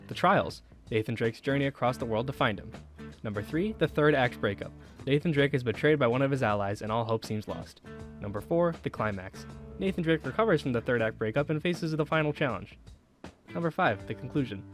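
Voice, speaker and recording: Over background music, a young man narrates a scripted video essay at a brisk clip. His pitch is average, and he enunciates in a measured, explanatory manner, tossing in rhetorical questions along the way.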